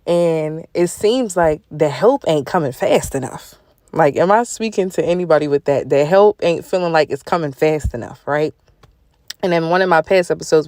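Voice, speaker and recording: Low-voiced woman giving a casual devotional talk. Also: a little mellow, no echo. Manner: conversational, informal, laughing asides. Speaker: podcast host. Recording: dry close recording.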